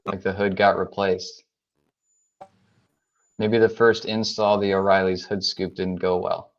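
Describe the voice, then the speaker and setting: A laid-back man co-hosts a casual chat show, speaking in a low voice and often trailing off. The recording sounds dull and lo-fi. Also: level tone, unhurried. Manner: laid-back, hesitant with ums and I-don't-knows. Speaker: co-host. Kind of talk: casual chat reviewing trucks.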